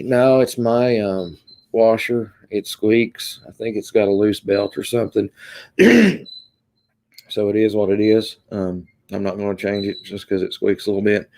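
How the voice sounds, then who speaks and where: Fairly low-pitched with a dark tone, this livestream host from Kentucky, USA, has a Kentucky accent. He keeps the stream casual and rambling, reading out chat comments with lots of ums.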